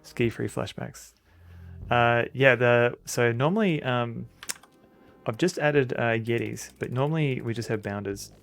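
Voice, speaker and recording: A man's voice: medium pitch, a little slow, vocal fry, fairly bright tone. A man chatting casually on a live stream as he plays a retro adventure game, rambling in an easygoing way.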